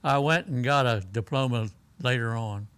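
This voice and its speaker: An elderly American man, a war veteran, remembering his service in halting, plain-spoken stories as he is interviewed. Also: mid-range voice, fairly bright tone, slight background noise. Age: elderly, 80s or older. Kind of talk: unscripted oral-history reminiscence.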